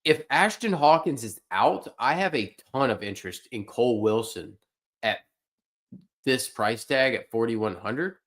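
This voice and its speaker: Male stream host, loose and blunt with his opinions, a bit sleepy, average pitch. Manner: loose, opinionated, talks to chat. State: yawning, tired. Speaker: fantasy sports livestream host. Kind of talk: casual livestream analysis.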